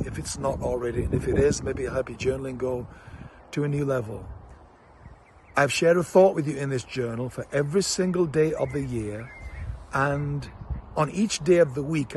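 Guy in his 50s doing an upbeat motivational selfie talk, encouraging, bit of background noise outside. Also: mid-range voice. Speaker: motivational mentor. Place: outdoors by a leafy hedge. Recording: noisy outdoor phone recording.

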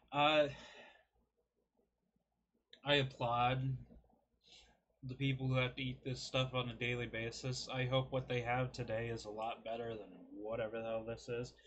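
His voice is mid-range and fairly bright but flat, a little slow and broken by frequent pauses, with slight background noise. He is a man in his early twenties at a desk webcam in a small, cluttered bedroom, rambling through a food review with self-deprecating jokes.

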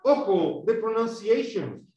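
A man's voice: high-pitched, sing-song, slow, warm tone. A man teaching an English class, patiently explaining and modelling pronunciation for his pupils. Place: school classroom. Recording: echoey classroom, far from mic, dull.

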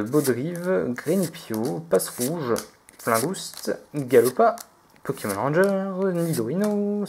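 A man hosting a relaxed card-pack opening video, chatty and hesitant, reading out each card name as he goes. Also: medium pitch. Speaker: video host opening trading card packs. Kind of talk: relaxed unboxing commentary.

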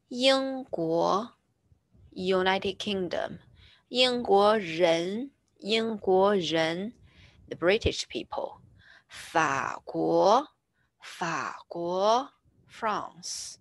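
A woman teaching a beginner Chinese lesson, patiently repeating each word slowly as she explains. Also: medium pitch, no room sound. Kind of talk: slow screen-share language lesson.

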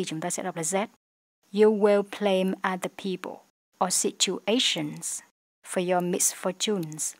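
Woman with a Vietnamese accent as English teacher; lowish voice, dry close sound, slow model sentences. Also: dry recording. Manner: explains in Vietnamese, reads English models slowly and clearly. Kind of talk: language lesson narration.

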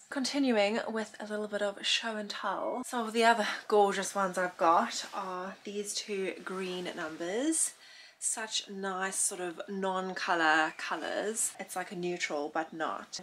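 A woman's voice: on the low side, a bit bright, a little hiss or hum. A woman, chatting enthusiastically to a handheld camera about her finds. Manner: chatty, enthusiastic show-and-tell. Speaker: vlogger. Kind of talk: casual vlog chat to camera. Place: outdoors on a town street, then inside a small boat cabin. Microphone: handheld camera at arm's length.

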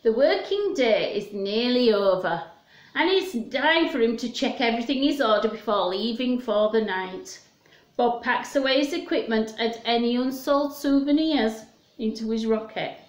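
In a small room at home, a woman in her fifties runs story time for young children. Her voice sits on the high side, expressive and at normal speed, and she talks simply in a sing-song manner with questions. The recording is roomy and echoey.

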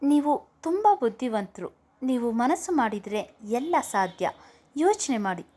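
An earnest, pleading young man, a loyal friend in a storybook tale, as a woman narrator reads his part. The voice sits a touch high. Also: lively intonation, unhurried, warm tone.

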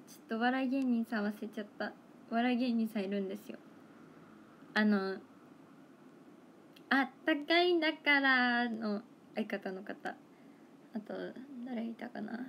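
A young woman chats on a livestream in a slightly high voice. She thinks aloud, wanders from point to point, and laughs easily, with a faint hiss of noise behind her. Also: fairly bright tone. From Toyama, Japan. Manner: chatty, musing aloud, quick to laugh. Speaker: idol livestreamer. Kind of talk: casual livestream chat.

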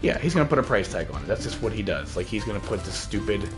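A man's voice: on the low side, sing-song, fast. A man in his thirties giving casual, slangy, rambling gameplay commentary as a streamer. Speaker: game streamer. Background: game music.

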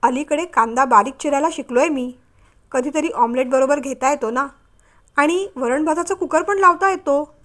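A woman's voice: high voice, normal speed, a bit bright. A woman voicing a remorseful divorced husband who talks in an eager, pleading way in a storybook reading.

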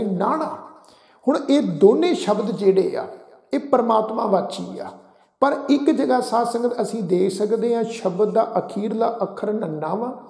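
A man's voice: high voice, gravelly, mellow, echoey room, big-room sound. A man with a Punjabi accent teaching how to pronounce scripture, addressing the congregation often and spelling words out letter by letter. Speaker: Gurbani pronunciation teacher. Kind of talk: religious lesson, slow careful recitation.

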